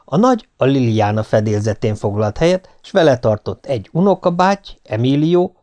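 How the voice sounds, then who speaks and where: A man's voice: medium pitch, very animated, darkish tone. A man reading a humorous family novel aloud as narrator, in a dry, mock-solemn storytelling manner. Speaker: audiobook narrator. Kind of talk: scripted narration.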